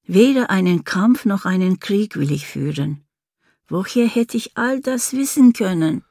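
A woman narrating a literary first-person story in a slow, poetic manner, sometimes dropping into a whisper. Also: medium pitch, expressive, mellow, dry recording, clean studio sound.

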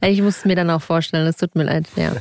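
A woman's voice: fairly low pitch, steady tone, fast talker, darkish tone, no room sound. A woman chatting casually, putting in dry, teasing remarks. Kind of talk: casual chat.

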